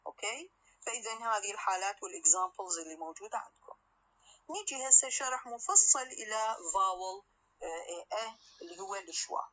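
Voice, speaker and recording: A woman's voice: mid-range voice, lively intonation, a little fast, sharp tone, poor audio. A woman lecturer with an Iraqi accent, teaching a class, who repeats examples and often checks with "okay?". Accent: Iraqi Arabic. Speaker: university lecturer.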